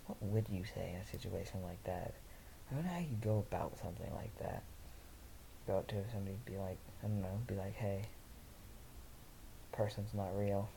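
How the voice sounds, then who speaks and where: A young man reads fiction in a monotone, his voice low, mellow and full of fry. He wanders off into casual, halting side remarks as he goes. A faint hiss sits on the home microphone recording. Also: poor audio. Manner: monotone delivery; rambling, self-interrupting commentary. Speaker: host reading fan fiction aloud. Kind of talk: story reading with casual asides.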